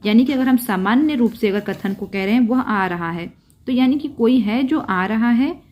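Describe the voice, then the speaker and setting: A woman's voice: a little high, moderate pace, darkish tone. Patient woman teaching a grammar lesson. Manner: explains patiently, repeats key terms, asks questions and answers them herself. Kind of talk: explanatory Hindi grammar lesson.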